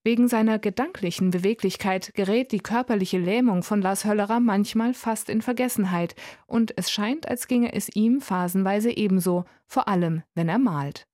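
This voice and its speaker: Calm female book reviewer, dry sound. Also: mid-range voice, no echo. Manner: calm, measured reading. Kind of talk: scripted narration.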